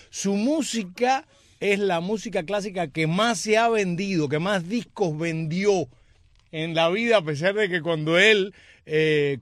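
High-voiced man telling radio facts. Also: no room sound. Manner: informative, storytelling delivery. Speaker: radio co-host. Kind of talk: radio banter and storytelling.

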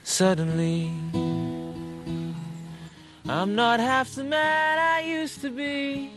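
An actor playing a young male musician, singing softly to friends over his guitar in a film clip. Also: extremely high pitch, drawn-out words, full character voice. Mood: tender. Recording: film audio with loud guitar.

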